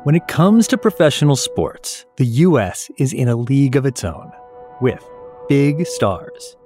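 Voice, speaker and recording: A man hosting a news podcast, reading scripted narration and asking interview questions in a measured, lightly playful way. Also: medium pitch, very animated, a little mellow, faint music behind. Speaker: podcast host.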